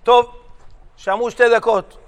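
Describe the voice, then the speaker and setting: High-voiced animated rabbi storyteller. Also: male voice. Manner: lively storyteller, switching voices for characters, jokey. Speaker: rabbi giving a lecture. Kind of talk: animated sermon with acted-out stories.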